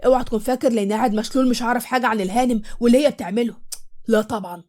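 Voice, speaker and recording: A woman playing a wronged young husband in a storybook tale, talking with an Egyptian accent at a rapid clip. The voice is mellow and soft-edged, urgent and earnest rather than gruff. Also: a little high, fairly even intonation, lightly acted. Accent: Egyptian Arabic. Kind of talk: storybook voice acting.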